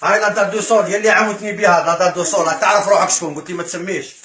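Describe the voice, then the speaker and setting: Algerian man, quick and eager, high bright voice, on-camera commentary, echoey room with faint background noise. His delivery is excited as he thanks donors, filmed on a handheld phone. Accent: Algerian Arabic. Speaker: vlogger filming a charity visit. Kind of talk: casual to-camera talk.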